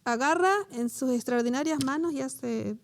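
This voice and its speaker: A high-pitched Latin American woman leads a conversational Bible teaching as co-host of a Bible study show. She is lively and laughs often, turning emotional as she recounts something personal.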